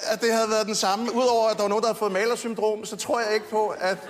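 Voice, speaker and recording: A man's voice: high voice, little pitch movement. A man giving a roast speech on stage, teasing the guest and laughing at his own jokes. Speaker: roast speaker. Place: TV studio stage with audience. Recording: long hall reverb, faint noise.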